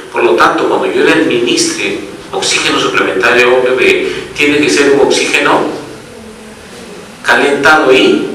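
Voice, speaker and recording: Male pediatric lecturer, patient and explanatory, bright tone, heard with heavy room echo and faint background noise. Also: medium pitch, recorded from a distance. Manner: explanatory, checks in often with the audience. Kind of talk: medical lecture.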